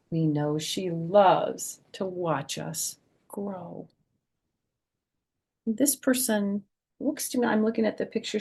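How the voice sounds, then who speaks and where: Reading a picture book to young children, a storytime host chats along with simple explanations. She has a husky, creaky voice of medium pitch with a darkish tone.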